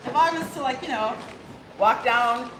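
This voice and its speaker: In an echoey hall with background noise, an Irish woman whose voice sits high speaks at a moderate pace as a new princess opening a court. Her ceremonial speech and casual exchanges are warm, full of laughter, fillers, and restarts.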